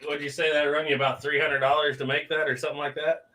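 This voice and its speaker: Bright-voiced laughing man hosting a stream. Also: a little high, level tone, quick pace, a little hiss or hum, rough recording. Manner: laughs often, easygoing storyteller. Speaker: host. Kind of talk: casual chat.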